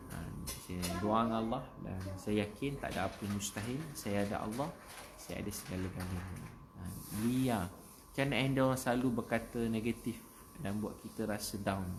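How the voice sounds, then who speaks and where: A Malaysian man with a Malay accent gives a casual religious talk on a livestream, repeating phrases and rising to loud, emphatic exhortations. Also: on the low side, creaky, noisy background. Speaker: preacher. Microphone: phone.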